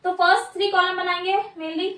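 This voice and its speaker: Woman teacher, very high voice, quiz-and-answer manner, recorded from afar in a roomy classroom. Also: steady tone, brisk, pushed and bright. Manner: asks questions and answers them herself, repeats words. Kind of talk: grammar lesson at a board. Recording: echoey room, mic at a distance.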